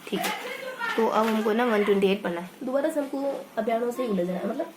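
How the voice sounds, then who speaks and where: A woman's voice: on the high side, fast talker, background noise. A woman teacher giving an online exam-prep lesson, telling motivational stories in a chatty way and often adding tag questions. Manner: conversational, frequent tag questions; motivational storytelling.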